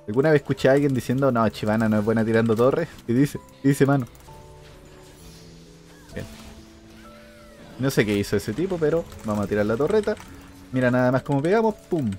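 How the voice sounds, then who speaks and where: A man commentating his own gameplay, animated and prone to sudden excited shouts and mouth sound effects. His voice sits at an ordinary pitch, with faint game music underneath. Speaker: gaming streamer.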